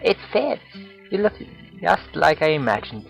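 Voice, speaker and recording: A man's voice: fairly high pitch, sing-song, unhurried, gravelly, faint music behind, voice pushed up, full character voice, poor audio. A man voicing a bubbly, chatty teenage schoolgirl who giggles and talks in a sing-song way.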